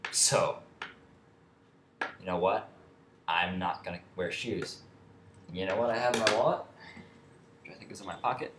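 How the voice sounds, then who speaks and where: A young man with a low voice tells a story in a loose, rambling way, swearing freely and restarting his sentences often. He is recorded in an echoey room with a faint hum of ambience behind him. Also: moderate pace, pauses often. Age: young adult. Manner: rambling, profane, with many restarts and fillers. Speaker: vlogger. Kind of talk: casual storytelling rant.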